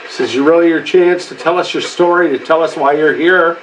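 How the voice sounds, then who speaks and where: A man's voice: on the high side, brisk, rough recording. A man talking casually and unscripted as a paranormal investigator, repeating himself and calling out questions to unseen listeners. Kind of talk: casual unscripted spirit box session chat.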